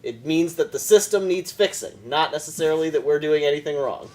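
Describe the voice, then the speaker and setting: A man co-hosting a let's play, chatting with a slightly high voice. He jokes with a sardonic edge and swears freely. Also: a little fast, darkish tone, faint music behind. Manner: joking, sardonic, swears casually. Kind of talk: casual let's play banter.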